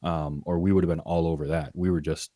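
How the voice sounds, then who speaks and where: A man talking as a podcast guest, rambling and animated as he tells stories. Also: sits low, fairly quick, dry recording, clean studio sound. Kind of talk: casual chat.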